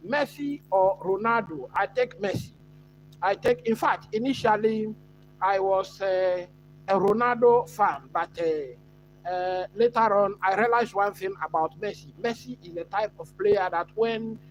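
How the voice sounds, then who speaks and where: A man from Ghana hosting a live football watch-along, chatting casually and answering viewers with many pauses and fillers. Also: high-pitched, slight background noise, rough recording. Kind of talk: live stream football chat.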